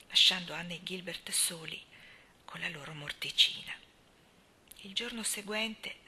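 A woman reading a novel aloud as an audiobook, in a soft, hushed narration. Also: lowish voice, creaky, breathy edge. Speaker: audiobook reader. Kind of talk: scripted narration.

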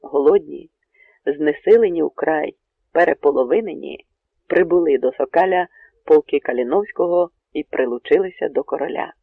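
A man narrating a historical novel in a steady, measured storytelling voice. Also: on the high side, gravelly, husky, no echo. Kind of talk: audiobook narration. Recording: narrow phone-like radio sound.

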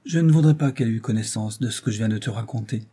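A man's voice: fairly low pitch, fast talker, dark tone, slightly rough. A man voicing a cautious, secretive middle-aged husband in an audiobook, earnest and confiding. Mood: alarmed. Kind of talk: audiobook character reading.

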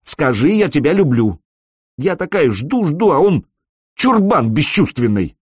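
A man reading an audiobook, voicing a young woman gamer who is anxious, clingy and quick to scold. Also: mid-range voice, sing-song, darkish tone, husky, no room sound, clean studio sound, voice pushed up. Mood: pleading.

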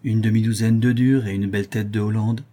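A man's voice: steady tone, fairly quick, warm tone, natural voice. A man reading an audiobook and voicing a fretful older male fence who grumbles and gives in. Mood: grudging. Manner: subdued, grudging and low. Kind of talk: audiobook character voice.

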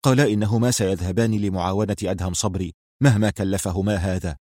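A man's voice: deep voice, fairly even intonation, fast talker, mellow, no room sound, studio quality, voice pushed down. A man voicing an embarrassed, hesitant male office manager in an audiobook. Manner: hesitant, clears his throat.

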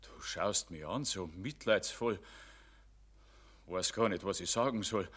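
A proud rich man who is afraid of dying, in a Bavarian radio play. His voice is bright and his delivery agitated and defensive. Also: low voice, unhurried, slightly rough, full character voice. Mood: anxious. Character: rich man facing death, fearful, proud. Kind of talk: broadcast radio play acting.

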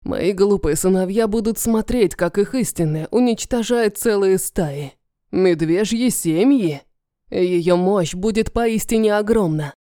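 A woman voicing a cruel, mocking ancient male dragon lord who talks slowly and menacingly. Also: medium pitch, mellow, no room sound, clean studio sound, natural voice. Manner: slow, sneering, menacing.

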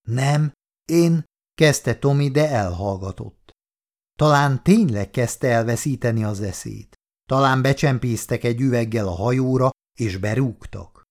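A man narrating a novel in a measured, steady reading voice. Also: mid-range voice. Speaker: audiobook narrator. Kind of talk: scripted narration.

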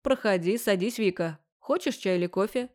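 A stern, formal middle-aged rector, as a woman narrator puts him on, polite to guests and gruff with his son. His voice sits in a plain middle register, and the storybook reading stays steady. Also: medium pitch, normal speed, close to an everyday voice. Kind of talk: audiobook character voice.

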